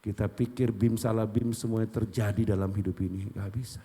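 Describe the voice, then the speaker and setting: A man's voice: lowish voice, steady tone, brisk, warm tone. A male pastor preaching a sermon, emphatic, often asking and answering his own questions. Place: church sanctuary. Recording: long church hall reverb.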